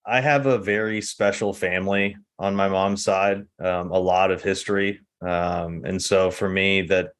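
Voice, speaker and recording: Man from Texas, very low voice, relaxed, reflective, podcast guest. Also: measured pace, hardly any pauses. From Texas, United States. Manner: relaxed, reflective, laughs easily. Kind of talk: casual conversational interview.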